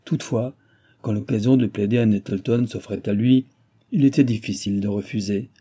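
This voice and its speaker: A man reading a novel aloud as narrator, in a measured, even delivery. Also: lowish voice. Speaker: audiobook narrator.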